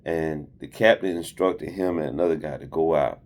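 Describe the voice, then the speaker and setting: A man's voice: extremely low pitch, normal speed, darkish tone. A man in his forties who works at sea, giving blunt, rambling safety advice to young sailors in a casual vlog. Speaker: maritime worker.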